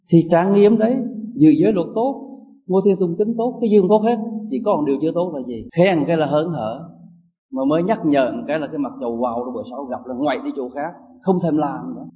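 Male monk teacher, mellow timbre, emphatic delivery, dull lo-fi sound. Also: on the high side. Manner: animated and emphatic, swinging between loud and soft. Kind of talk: Dharma class with quiz questions. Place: lecture hall with an audience. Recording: distant, muffled lo-fi recording.

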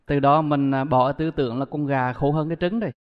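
A man's voice: fairly high pitch, fairly even intonation, a little fast, clear, resonant tone. A man giving a Buddhist dharma talk, telling stories and asking the audience rhetorical questions. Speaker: Buddhist monk teacher. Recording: muffled audio with long hall reverb.

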